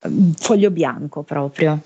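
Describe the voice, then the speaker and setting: Low husky woman, northern italian accent, slow hesitant channeling, mellow tone. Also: highs cut off. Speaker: hypnosis medium. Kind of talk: channeling in a hypnosis session.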